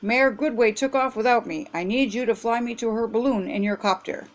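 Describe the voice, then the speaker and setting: A woman's voice: a little high, brisk, natural voice. An older woman reading aloud, voicing a brave, upbeat boy who leads a team of rescue pups in a storybook. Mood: eager. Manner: eager, encouraging.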